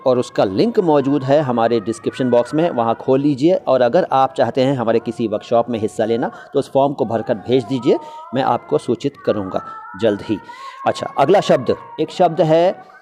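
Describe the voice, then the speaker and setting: A man's voice: mid-range voice, moderate pace, mellow, a little hiss or hum. A middle-aged man giving a casual spoken lesson on Hindi and Urdu usage, repeating words to model how they should be said. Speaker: Hindi-Urdu language teacher.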